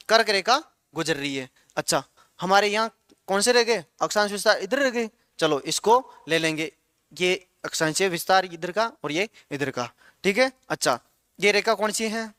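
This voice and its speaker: A man's voice: sits high, pushed and bright, clean tone, no echo, studio quality. A man teaching geography, asking the class questions and repeating the answers in a classroom lecture.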